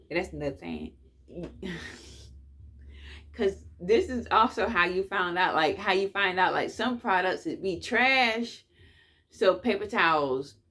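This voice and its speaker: A woman's voice: medium pitch, fairly bright tone. A woman telling stories from her past in a casual, slangy way, repeating phrases for emphasis. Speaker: couponing vlogger. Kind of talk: casual reminiscing storytelling.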